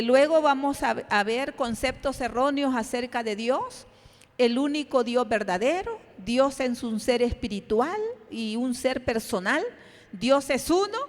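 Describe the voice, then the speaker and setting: Halting woman teaching Bible study. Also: fairly high pitch. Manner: halting, repeats words, constant "¿verdad?" tag. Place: church hall. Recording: reverberant church hall.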